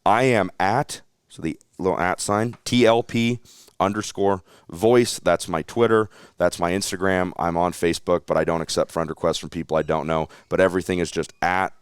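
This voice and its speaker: A young man with a low, deep voice speaks earnestly and reflectively in a candid interview, his tone smooth and clear. He livens up when he tells stories. The sound is close and dry, with no room echo. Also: fairly even intonation, moderate pace. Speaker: racing announcer, podcast guest.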